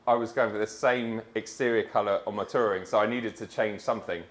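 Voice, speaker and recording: Man, car vlogger, casual chat, excited and talkative. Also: fairly low pitch, a little fast. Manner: enthusiastic, chatty, says "mate". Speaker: car vlogger collecting his new car.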